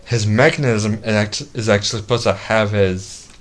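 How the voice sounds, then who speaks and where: A man with a fairly low voice demonstrates a product in a casual review. He speaks haltingly, circling back to repeat and restart his sentences. The home-video recording has clear background noise. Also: steady tone. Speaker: toy reviewer.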